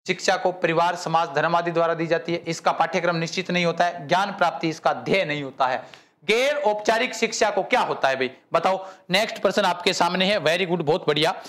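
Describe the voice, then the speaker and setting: A man's voice: a little high, brisk, fairly bright tone. A man teaching a live online quiz class, praising students by name and joking in dialect. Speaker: exam-prep teacher.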